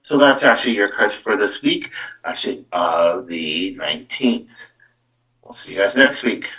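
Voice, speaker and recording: This psychic medium podcast host has a low, expressive voice that is bright and forceful, delivered at normal speed. He rambles through casual card-reading talk on a live online stream, often saying "actually" and "though." The recording is muffled, from a distant mic.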